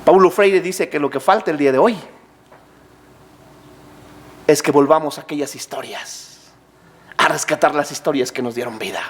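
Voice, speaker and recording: A man preaching a sermon as pastor, asking his congregation questions and answering them himself, building to near shouts. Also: a little high, normal speed, pauses often, a little hiss or hum.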